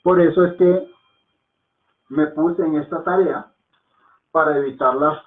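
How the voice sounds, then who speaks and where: Man teaching slowly, high-ish voice, keeps repeating words for pronunciation, roomy tinny sound. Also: steady tone. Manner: checks in with soft "¿mm?" and "¿ok?". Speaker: Hindi teacher. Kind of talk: slow spoken lesson. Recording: echoey, phone-like lo-fi sound.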